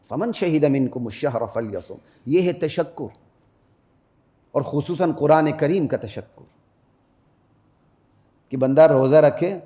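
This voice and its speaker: A middle-aged man giving a Friday sermon as a mufti. He preaches emphatically, rising to loud peaks, drops to low asides to the congregation, and chants Arabic verses melodically.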